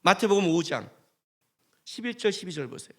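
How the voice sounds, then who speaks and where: High-voiced lively male pastor preaching. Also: fairly quick. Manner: animated, joking, colloquial storytelling with acted quotes. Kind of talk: sermon.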